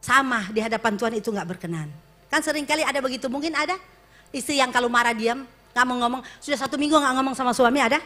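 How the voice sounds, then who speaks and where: Woman pastor, sermon delivery, high bright tone, animated and direct with the congregation. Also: quick pace, soft background music.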